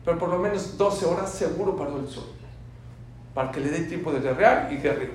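A man teaching a sermon full of stories, swinging between soft asides and loud emphatic bursts. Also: on the high side, fairly quick. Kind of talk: sermon with storytelling. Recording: very echoey room from far off, faint hiss.

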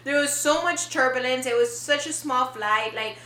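Bright high-voiced woman, lively storyteller. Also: measured pace. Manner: animated, dramatic storyteller switching between Spanish and English. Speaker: podcast host. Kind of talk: casual storytelling chat. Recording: echoey room with faint ambience.

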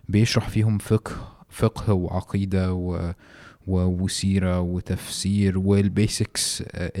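A man with an Egyptian Arabic accent speaks as a podcast host in a low, mellow voice. His delivery is unscripted and casual, halting often as he searches for the next phrase. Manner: halting, hesitant delivery with many drawn-out pauses.

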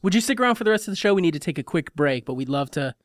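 A man playing a radio co-host in a comedy sketch, with brisk, cheery host patter. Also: a little high, animated, background noise, lightly acted. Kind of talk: mock radio banter.

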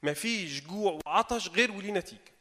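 Egyptian guy preaching, high voice, keeps asking the crowd questions, long hall echo. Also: quick pace. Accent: Egyptian Arabic. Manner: animated, asks the audience rhetorical questions. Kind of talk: informal sermon. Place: meeting hall.

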